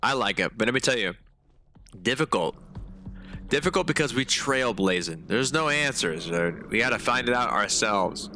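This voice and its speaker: A man's voice: medium pitch, normal speed, soft background music. Slangy man chatting over a game. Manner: casual slangy chat, animated storytelling. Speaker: streamer. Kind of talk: live gameplay commentary.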